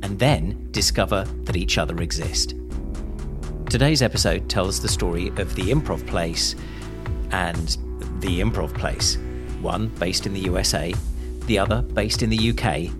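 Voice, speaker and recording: Deep-voiced male podcast host. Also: a little slow, over music. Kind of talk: scripted podcast narration.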